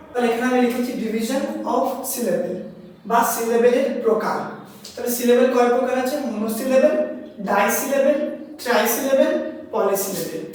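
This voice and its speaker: In an echoey hall, a distant female English grammar teacher with a Bengali accent leads a classroom lesson, her voice on the high side with a darkish tone. She works step by step, asks her students questions, and sounds out words syllable by syllable, with a little hiss or hum in the audio.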